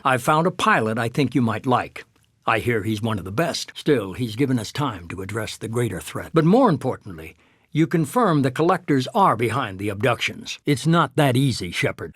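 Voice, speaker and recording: Cold video game mastermind, middle-aged man, husky, measured, commanding, calculating, dry studio sound. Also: medium pitch, a bit bright, no echo. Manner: measured, deliberate, authoritative. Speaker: head of a secret organisation. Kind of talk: dramatic video game voice acting.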